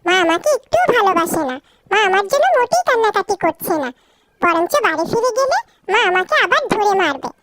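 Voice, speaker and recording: A woman's voice: extremely high pitch, sing-song, a little fast, fairly bright tone, dry recording, full character voice. A woman voicing a naughty young boy in a cartoon who is cheeky and fond of chips, whining and pleading. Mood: sulky. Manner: pleading and whiny. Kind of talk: cartoon voice acting.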